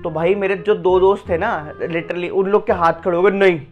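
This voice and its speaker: A young man tells a story in a relaxed, conversational vlog style, slangy and full of asides and fillers. Faint music sits quietly behind his voice. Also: high voice, moderate pace, phone-quality sound. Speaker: vlogger. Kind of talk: casual storytelling.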